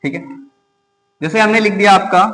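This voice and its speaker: A male teacher giving an exam-prep grammar lesson, asking questions and answering them himself, repeating key words slowly. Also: sits high, a bit bright, big-room sound, low-quality recording. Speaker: English teacher.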